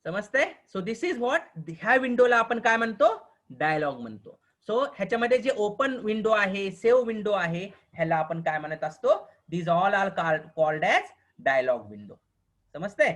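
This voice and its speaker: A man with a Marathi accent teaching a programming class online, often pausing to ask whether the students understand and slowing down for the English definitions. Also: high-pitched, very animated, a bit bright. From Maharashtra, India. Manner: keeps checking if students understand; mixes slow dictated English with quicker explaining.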